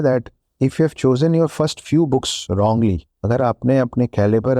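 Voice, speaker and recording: Male author guest, earnest and measured, mellow tone, dry close sound. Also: lowish voice, dry recording. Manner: earnest, advice-giving, measured. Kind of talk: reflective interview talk, mixing Hindi and English.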